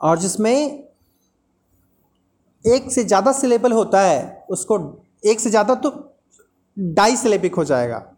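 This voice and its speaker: A woman's voice: medium pitch, animated, slow, pauses often, a little mellow. A woman teaching an English lesson, explaining patiently and repeating example words aloud.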